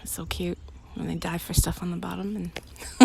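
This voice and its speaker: Out on a bike path, a woman with a fairly low, creaky, slightly mellow voice with a breathy edge speaks at normal speed in a giggly, hesitant ramble, her phrases trailing away. As an audio roleplay creator, she plays a loving girlfriend talking intimately and one-sidedly to a partner. The noisy outdoor ambience includes traffic and passing vehicles.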